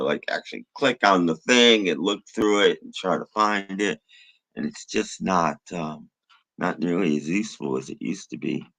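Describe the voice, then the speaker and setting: A live streamer with a rough, slightly hoarse but fairly bright voice rambles casually, halting and low-key with a mild grumble. The recording itself is rough.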